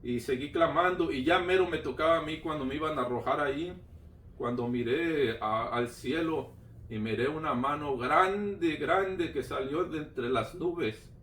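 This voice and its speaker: A man's voice: on the high side, measured pace, a bit bright. A man giving a personal religious testimony, retelling it fervently with lots of repetition. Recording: roomy sound from a distant mic.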